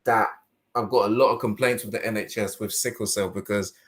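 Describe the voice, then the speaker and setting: A man hosting a casual podcast discussion, talking in animated rhetorical bursts. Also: lowish voice, a little fast. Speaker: host.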